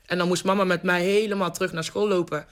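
A young woman, telling a personal story in a radio interview with vivid, animated delivery and frequent restarts. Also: fairly low pitch, quick pace. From Netherlands, North Brabant. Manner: lively, vivid storyteller who restarts sentences and acts out scenes.

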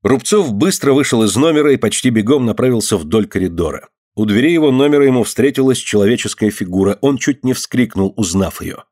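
A man in his own medium voice narrates a classic novel. His storytelling is measured and even. He keeps a steady tone through the narration. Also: mid-range voice. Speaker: audiobook narrator. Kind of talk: literary audiobook narration.

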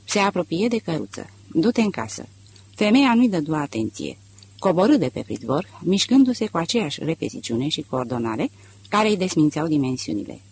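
A man reading a literary audiobook aloud in a measured, expressive narration. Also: a little high, vocal fry, a little hiss or hum. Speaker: audiobook reader.

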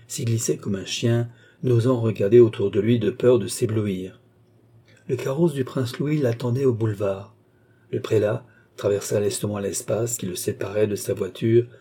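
Brief: male audiobook narrator, measured and steady, dark husky timbre. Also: on the low side. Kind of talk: audiobook narration of a classic novel.

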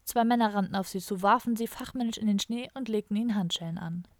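A woman's voice: mid-range voice, fast, dry recording, studio quality. Woman narrating a wry audiobook. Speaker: audiobook reader. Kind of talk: scripted narration.

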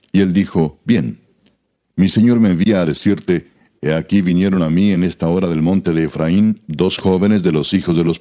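A man reading scripture aloud in a measured, even way. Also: low voice. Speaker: Bible reader.

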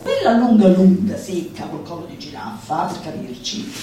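On stage before a live audience, a woman gives a declamatory reading of a literary text, her fairly low, dark voice swinging widely in pitch at a moderate pace. She slips into teasing, mock-schoolteacher banter with the crowd. The recording has a slight hiss or hum and comes from a distant mic in an echoey hall.

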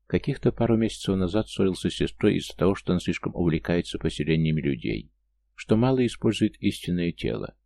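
A man reading a fantasy audiobook as narrator, with a steady storytelling delivery on a close mic. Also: deep voice, fast, gravelly. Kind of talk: scripted narration.

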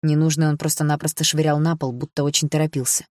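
An audiobook narrator reading a story in an even, measured way. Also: medium pitch, no echo, clean studio sound. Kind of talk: scripted narration.

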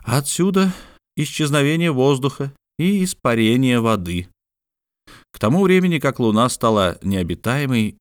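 Male reader as calm scholar, measured explaining, mid pitch, dry sound. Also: no room sound. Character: calm, learned man, patient and methodical.

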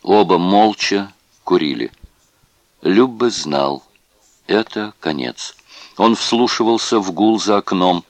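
A man reading a novel aloud in expressive scripted narration. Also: low voice, takes it slowly, pauses often, no room sound. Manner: expressive storytelling. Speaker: audiobook narrator.

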